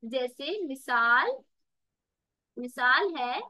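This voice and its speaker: A woman's voice: high voice, lively intonation, very slow, bright, forceful tone, no echo, poor audio. A woman tutor giving an online exam-prep lesson, calling students "beta" and repeating words with rhetorical questions to the class. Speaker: Urdu tutor.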